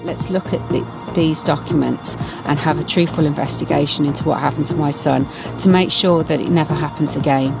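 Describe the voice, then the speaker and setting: A woman speaking as a news interviewee in halting, deliberate phrases. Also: deep voice, fairly even intonation, loud music behind the voice, low-quality recording. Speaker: interviewee, bereaved mother. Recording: clear background noise, ambience.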